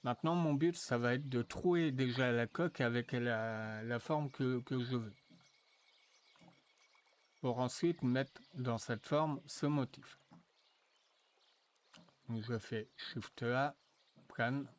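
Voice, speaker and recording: A man walking viewers through a software tutorial, thinking aloud with frequent fillers and restarts. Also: mid-range voice. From France. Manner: slow, hesitant, thinking aloud with many fillers. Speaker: tutorial presenter. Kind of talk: screen-recorded software tutorial.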